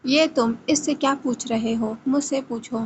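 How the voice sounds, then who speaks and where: A woman's voice: high voice, fairly even intonation, slight background noise, lightly acted. A woman reading a scolding stern mother. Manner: scolding and sharp. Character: stern, bitter mother of a grown son.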